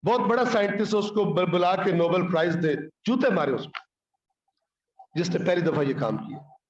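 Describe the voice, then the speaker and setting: A man's voice: high-pitched, lively intonation, moderate pace, echoey room, dull audio. A man preaching a sermon on the Quran, scolding his listeners with rhetorical questions and quoting Arabic verses. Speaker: Islamic scholar preaching.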